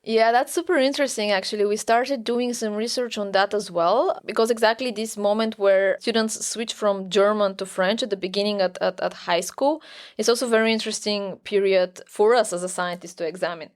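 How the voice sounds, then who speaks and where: A woman from Bulgaria, a native Bulgarian speaker, explains research as a guest on a podcast. She is an academic researcher with a medium-pitched voice, giving a conversational expert explanation.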